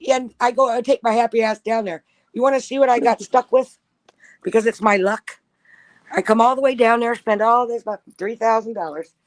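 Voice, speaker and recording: A woman's voice: a little high, steady tone, fairly quick, no room sound. A woman telling a long, profane story in a casual chat. She laughs often and acts out the people she quotes.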